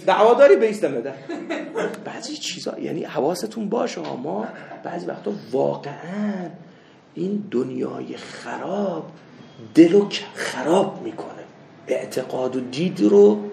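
A man teaching a seminary lesson, mixing anecdotes with doctrine, swinging from loud rebukes to soft asides. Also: on the high side, lively intonation, gravelly. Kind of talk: religious lecture with anecdotes. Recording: echoey room with faint ambience.

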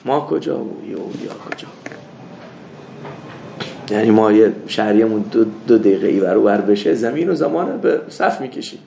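A man teaching a seminary lesson, mixing anecdotes with doctrine, swinging from loud rebukes to soft asides. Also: fairly low pitch, expressive, creaky, noisy background. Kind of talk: religious lecture with anecdotes. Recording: echoey room with faint ambience.

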